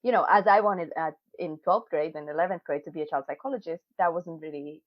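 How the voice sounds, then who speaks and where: This PhD student in her twenties talks fast in a low voice during a relaxed video call interview, English not being her first language. Laughter, fillers, and restarted sentences run through her chatty answers over dull, dry audio.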